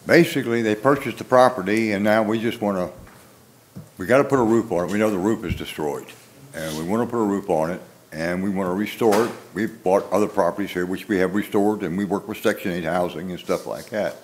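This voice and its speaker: A man's voice: deep voice, a little fast, a little hiss or hum. An older man representing a property owner, speaking plainly and casually at a podium in a council chamber. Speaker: contractor's representative. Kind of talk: speaking at a public hearing. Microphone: podium microphone.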